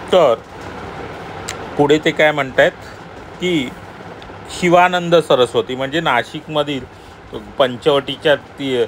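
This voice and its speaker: A man's voice: mid-range voice, slight background noise. A man giving a devotional commentary on a sacred text, reading passages and then rephrasing them in his own words. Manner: explanatory, repeats and rephrases passages he reads.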